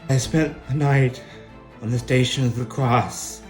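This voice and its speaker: A man's voice: mid-range voice, fairly even intonation, unhurried, darkish tone, faint music behind. A middle-aged man telling a personal spiritual testimony in an earnest, emphatic, preacher-like way. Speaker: spiritual speaker sharing a testimony.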